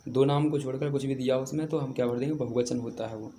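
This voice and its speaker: A man's voice: mid-range voice, fairly even intonation, quick pace, mellow, slight background noise. A man teaching an exam lesson over a screen recording, patiently repeating points and answering his own questions. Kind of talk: exam prep lesson walking through a paper.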